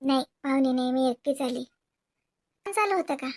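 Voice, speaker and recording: A woman voicing a caring adult sister in an animated comedy, chattering and fussing with a Varhadi Marathi accent. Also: high-pitched, normal speed. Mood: cheerful.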